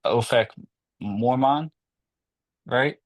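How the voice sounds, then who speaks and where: A man hosting a podcast interview, relaxed and conversational, with casual fillers and a loose, easygoing delivery. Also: medium pitch, drawn-out words. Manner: relaxed, conversational, drawling "kinda" and "y'all". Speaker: podcast host.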